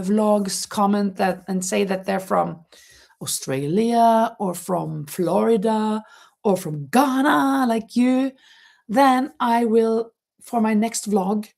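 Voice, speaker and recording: In a mid-range, gravelly voice with a darkish tone, a middle-aged woman from Norway runs a casual livestream at home near a terrace. She chats and reads viewers' comments aloud, often laughing and restarting her words.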